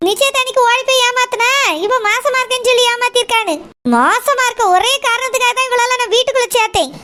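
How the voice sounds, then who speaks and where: A woman's voice: very high-pitched, a bit bright. Woman voicing a furious scolding cartoon mother. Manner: harsh, ranting, scolding. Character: furious middle-aged mother, scolding and bitter. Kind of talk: cartoon voice acting.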